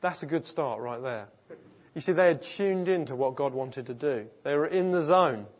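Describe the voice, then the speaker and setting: Speaking at a moderate pace with a somewhat high voice and lively intonation, this pastor preaches a conversational sermon. His style is casual and earnest, with frequent restarts and self-corrections in the middle of sentences.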